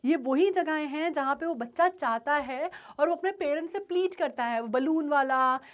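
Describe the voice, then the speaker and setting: A woman's voice: high voice, normal speed. A woman teacher explaining a chapter, mixing English terms into her speech and often checking in with the class. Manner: explains with frequent check-in questions; mixes Hindi and English terms.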